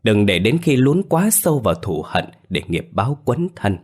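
A man voicing an older male exorcist who sighs and admonishes calmly. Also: lowish voice, normal speed, breathy edge, pitched above the performer's own voice. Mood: admonishing. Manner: sighing, admonishing. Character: older male exorcist master, calm and stern.

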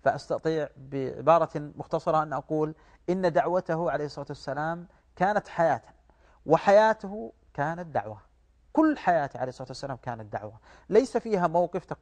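Fast-talking male religious scholar, didactic. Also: a little high, a little mellow. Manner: didactic, rhetorical repetition, formal Arabic. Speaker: guest Islamic studies scholar. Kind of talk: religious explanation in an interview.

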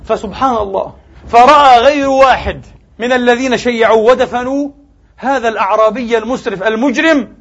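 Husky high-voiced male preacher. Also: a bit bright, muffled recording. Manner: emphatic preaching, rising and falling sharply; addresses the congregation as brothers and sisters. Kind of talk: Friday sermon.

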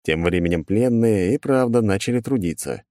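A male narrator with a fairly low voice reads a first-person story in a measured, even manner. The recording is dry and close, with no room around it. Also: no echo. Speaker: audiobook narrator.

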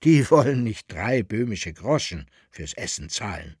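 A man's voice: fairly low pitch, sing-song, a little slow, a little mellow, slightly rough, no echo, clean studio sound, heavily acted. A man voicing a plain-spoken tavern keeper in an audiobook, explaining matter-of-factly.

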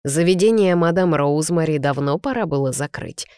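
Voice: medium pitch, lively intonation, normal speed, no room sound, studio quality, close to an everyday voice. A reader voicing a stern shrewd old father.

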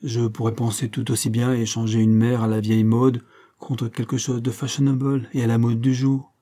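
A man's voice: medium pitch, flat delivery, moderate pace, mellow, natural voice. A man voicing an outspoken young woman in an audiobook, speaking emphatically and with indignation. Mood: affectionate firm.

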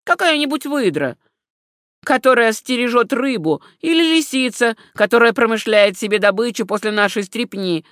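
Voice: medium pitch, very animated, moderate pace, dry recording, clean studio sound, pitched above the performer's own voice, natural voice. An audiobook narrator voicing a deferential but wry medieval captain in a storybook. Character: respectful mocking knight captain.

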